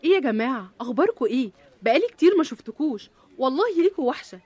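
A woman's voice: high-pitched, rapid-fire, over music. A woman with an Egyptian accent voicing a self-important monthly salary that lists everything she pays for. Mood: defensive. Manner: lively, complaining, defensive.

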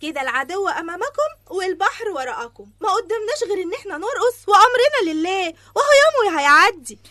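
A woman's voice: very high-pitched, big pitch swings, fast talker, sharp tone, no echo, clean studio sound, exaggerated voice. An actress with an Egyptian accent playing a bold, cheeky young woman.

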